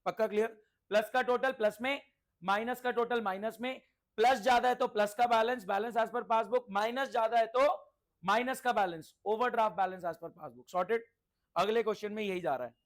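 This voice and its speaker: A male accountancy teacher with a high-pitched voice and moderate pace leads an interactive class. He is instructive and repetitive, often checking understanding with questions and mixing in English terms.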